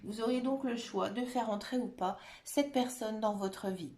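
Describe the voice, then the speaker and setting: A woman giving a tarot reading to her viewers, talking gently and hesitantly with many filler sounds. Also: fairly high pitch, moderate pace. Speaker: tarot card reader. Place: room at home, dog nearby. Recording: echoey room with faint noise.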